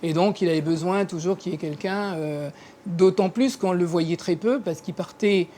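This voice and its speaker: A woman giving spoken personal testimony, explaining things and pausing to search for words. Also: on the low side, warm tone. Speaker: interviewee recalling family history. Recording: clearly noisy location sound.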